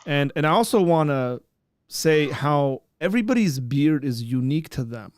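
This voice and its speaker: Speaking at a moderate pace in a slightly high, animated voice, a man in his thirties hosts a live birthday stream from a green-screen setup, rambling through casual chat with frequent fillers and restarts. The recording is dry and of studio quality.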